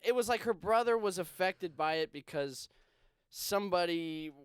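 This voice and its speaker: A man in his twenties telling stories to friends in a casual chat, animated, laughing and swearing as he goes. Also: high voice, moderate pace, clean tone. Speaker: podcast co-host, band member. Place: indoor room with friends at a table.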